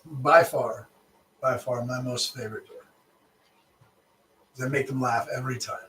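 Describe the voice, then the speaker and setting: A man's voice: mid-range voice, steady tone, a little slow, sharp tone, recorded from a distance. A man, a real estate agent chatting casually and making live calls, restarting his phrases and laughing easily. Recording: echoey room, voice off-mic.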